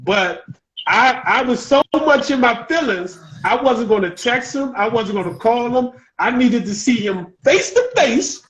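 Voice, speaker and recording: A man hosting a relaxed podcast chat on a live video call, talkative and quick to laugh. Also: very high voice, poor audio. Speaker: podcast host. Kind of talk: casual chat.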